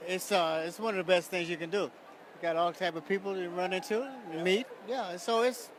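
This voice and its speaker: Male chef, relaxed, higher voice. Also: a little fast, a little hiss or hum.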